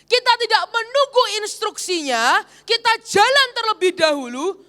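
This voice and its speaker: A woman's voice: extremely high pitch, sing-song, moderate pace, pushed and bright. A woman evangelist preaching a sermon at a church service, telling a story and often addressing the congregation directly.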